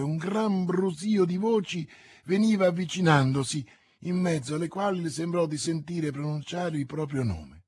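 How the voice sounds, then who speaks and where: A man narrating a classic novel as an audiobook, in a measured, dramatic storytelling manner. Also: on the high side, mellow, breathy edge.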